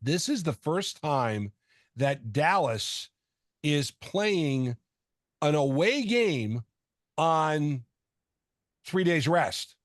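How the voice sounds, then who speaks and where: A man's voice: on the high side, big pitch swings, extremely slow, pauses often, no room sound, clean studio sound. A man co-hosting a fantasy football show in casual sports talk, rambling and often stumbling over and repeating words.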